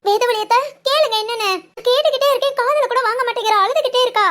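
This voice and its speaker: Brief: teasing young village girl for a cartoon, very high and chatty, voiced by a performer. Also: quick pace, sharp tone. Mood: worried. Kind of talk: Tamil cartoon voice acting.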